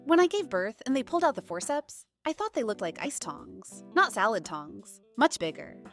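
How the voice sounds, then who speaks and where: Lively, higher-voiced female narrator. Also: normal speed, gravelly, faint music behind. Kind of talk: scripted narration.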